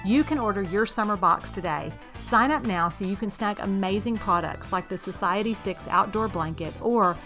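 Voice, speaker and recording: A woman's voice: mid-range voice, a bit bright. Woman doing a hard-sell ad read, music behind. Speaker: podcast host reading a sponsor ad. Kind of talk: scripted personal-endorsement ad read.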